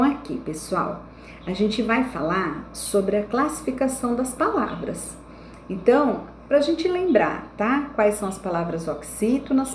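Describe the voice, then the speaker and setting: A young woman teacher giving a recorded online lesson to children, explaining slowly and checking in with frequent tag questions. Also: a little high, darkish tone. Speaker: primary school teacher. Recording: echoey room with faint background noise.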